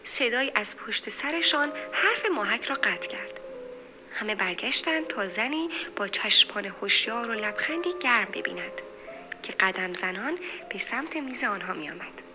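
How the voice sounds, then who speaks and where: A woman narrating a story in an expressive storytelling manner. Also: medium pitch, over music.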